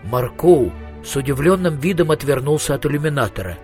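A male audiobook narrator, even and measured, his voice sitting a bit high for a man. Soft music plays faintly beneath the reading. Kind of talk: scripted narration.

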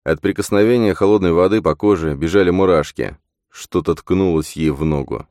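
Man, audiobook narrator, extremely deep voice, dry close sound, steady reading. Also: normal speed, no echo. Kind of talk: scripted narration.

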